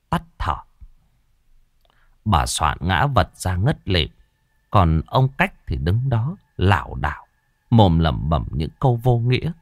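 Male horror narrator, low voice, animated delivery, dry close mic. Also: no echo. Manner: dramatic, expressive. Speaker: storyteller.

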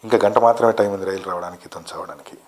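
A man reading a short story aloud as narrator, in a steady, earnest way. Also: low voice, racing. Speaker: story reader.

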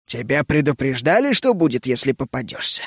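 A man voicing a stern, weary mercenary leader in a read-aloud story, speaking calmly, low and measured. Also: breathy edge, dry recording, studio quality.

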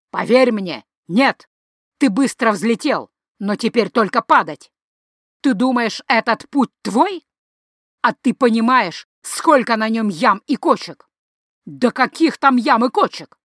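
A woman reading an audiobook voices an angry, domineering noble father who scolds his son loudly. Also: lowish voice, slightly rough, dry recording, clean studio sound. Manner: shouting, scolding harshly.

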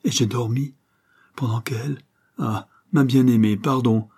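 A man's voice: medium pitch, a little slow, husky, pitched above the performer's own voice. A man voicing a grief-stricken widowed painter who breaks into feverish, exclaiming talk. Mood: grieving. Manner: anguished then feverishly excited exclamations.

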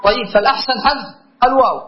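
A man's voice: very high-pitched, racing. A man teaching a grammar lesson, asking his students questions and repeating key words. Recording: dull lo-fi lecture recording.

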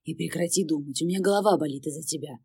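A woman's voice: sits low, rapid-fire, dark tone, slightly rough, no echo, studio quality. Woman doing a smug mocking demon. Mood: smug teasing. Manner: drawling, teasing.

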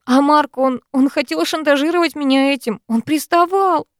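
A woman reading the tearful lines of a frightened young woman in an audiobook, with a pleading, shaky, drawn-out manner. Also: sits high, flat delivery, darkish tone, dry recording, clean studio sound, voice pushed up.

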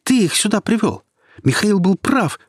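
A desperate young girl cries out, her voice high and cracking with strain, as a man acts her out. It is an audiobook telling, with a dry, close sound. The reader's voice stays a little husky even when it climbs. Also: normal speed, no room sound, exaggerated voice. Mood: screaming anguish. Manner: screaming, high-pitched and strained.

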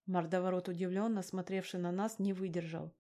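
A woman reading first-person narration in an audiobook, in a plain, even voice. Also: fairly low pitch, brisk.

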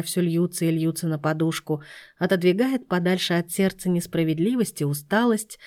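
A woman's voice: lowish voice, darkish tone. Woman narrating an audiobook.

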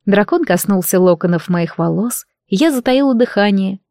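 A woman's voice: medium pitch, animated, normal speed, darkish tone, no echo. Brief: female audiobook narrator, first person, intimate and emotional, dry studio sound.

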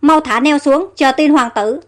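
A woman's voice: high voice, moderate pace, close to an everyday voice. A woman reading the lines of a worried male ship captain in an audio story.

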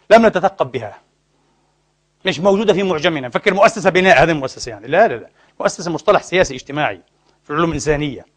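Fast, high-voiced impassioned male preacher. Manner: rhetorical questions, prompts the audience to finish his sentences; impassioned, indignant, mixes formal and colloquial speech. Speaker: preacher and lecturer. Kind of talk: sermon.

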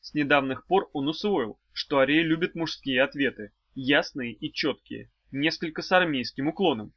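A man narrating a fantasy audiobook in a measured, even reading. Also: on the high side, dry recording, muffled recording. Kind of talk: scripted narration.

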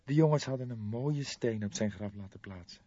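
A man putting on a wistful old lady's falsetto. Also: moderate pace, no room sound, muffled recording, close to an everyday voice. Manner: raised falsetto, soft and mournful. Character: elderly woman, sister of a dead crook, wistful.

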